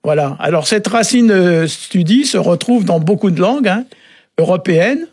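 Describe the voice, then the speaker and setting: A man explaining word meanings on a radio show in a relaxed, halting way, often pausing with filler sounds. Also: high-pitched, husky, no room sound, studio quality. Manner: halting, often adds "hein" and "euh". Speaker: Breton language expert on a radio show.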